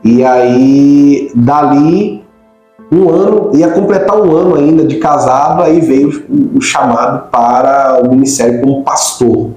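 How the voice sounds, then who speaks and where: A middle-aged Brazilian pastor from Rio de Janeiro state explains things conversationally as an interview guest. He has a mid-range, dark-toned voice and an unhurried pace. The room is very echoey, with faint music in the background.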